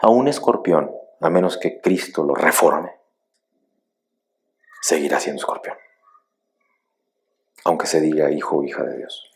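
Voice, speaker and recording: A middle-aged man, a pastor, preaching a sermon with emphatic storytelling that swings between loud rises and quiet drops. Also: very deep voice, lively intonation, measured pace, pauses often.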